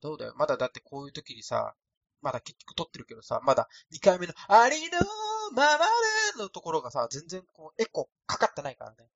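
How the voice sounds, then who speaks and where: Rambling Osaka man with a thin, husky voice. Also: fairly high pitch, big pitch swings, fast, dull audio. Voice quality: thin, light voice. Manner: rambling, self-deprecating and casual. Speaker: podcast host. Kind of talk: solo podcast monologue. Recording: dry, no added echo.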